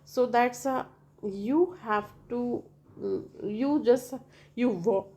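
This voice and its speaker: Slow-paced Indian woman lecturing. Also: on the high side, darkish tone. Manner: halting, repetitive, often checks with "right?". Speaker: linguistics teacher. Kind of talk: lecture explanation.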